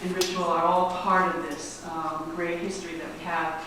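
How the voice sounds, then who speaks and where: A woman heading a society gives a formal introduction in a meeting room, greeting the audience and reading the evening speaker's biography, often hesitating and using fillers. She speaks at normal speed in a lowish, level voice. The distant mic picks up room echo and background hiss.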